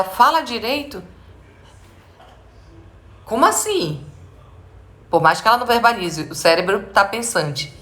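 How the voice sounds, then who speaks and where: A woman's voice: on the low side, fairly bright tone. Emphatic Brazilian woman, speech therapist. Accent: Brazilian Portuguese. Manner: emphatic, addresses the audience directly with rhetorical questions. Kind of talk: live stream advice talk to parents.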